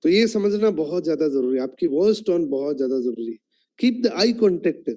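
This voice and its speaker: A man leads an online training session, putting questions to his listeners as he explains. His voice sits a little high but sounds warm and mellow. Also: lively intonation, normal speed. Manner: instructive, asks the audience questions.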